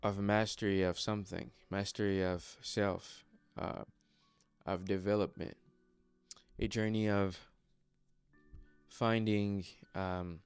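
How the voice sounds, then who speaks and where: Faint music plays behind a young vlogger from the Democratic Republic of the Congo as he talks slowly in a fairly low voice with little pitch movement. Not a native English speaker, he sounds earnest yet hesitant, using many fillers and restarts in his motivational personal video; the tone is clean and echo-free.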